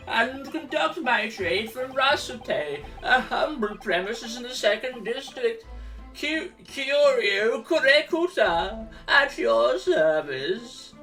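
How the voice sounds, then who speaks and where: Whiny, nasal old antique dealer. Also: male voice, very high-pitched, pushed and bright, recorded from a distance, voice pushed up, full character voice, rough recording. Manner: pompous, ornate, slow delivery.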